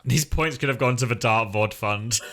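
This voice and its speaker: A man live-streaming casual reactions to an esports match and chatting with viewers, wry, sweary and excitable. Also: mid-range voice, husky.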